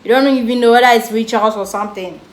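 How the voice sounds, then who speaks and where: A woman's voice: a little high, fast talker. A young woman with a Ghanaian English accent telling a storytime vlog in a chatty way, laughing off serious things. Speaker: vlogger. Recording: echoey room with faint background noise.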